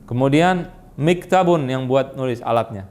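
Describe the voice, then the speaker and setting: An Indonesian-accented man teaching an Arabic grammar class, quizzing students with quick questions and repeating their answers. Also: mid-range voice, darkish tone. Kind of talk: classroom lesson.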